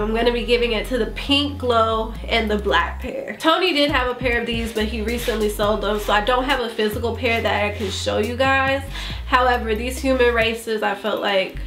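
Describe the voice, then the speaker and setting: In an echoey room with faint music behind her, a woman reviews sneakers in a relaxed vlog, her voice nasal and clogged from bronchitis and peppered with fillers. Her voice sits on the high side, a bit bright, at a moderate pace.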